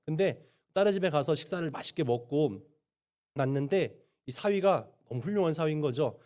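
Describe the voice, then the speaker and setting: A man's voice: on the high side, expressive, darkish tone. A man preaching a Sunday sermon as pastor, telling a story and often adding an affirming "네". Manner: storytelling with frequent affirming "네" and quick delivery. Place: church sanctuary.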